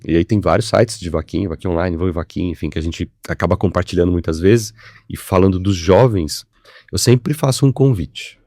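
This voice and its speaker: Very deep-voiced man telling a persuasive story. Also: fairly quick, warm tone, dry recording, clean studio sound. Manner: persuasive storytelling with acted-out dialogue. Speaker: podcast guest. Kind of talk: casual podcast conversation. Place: podcast studio.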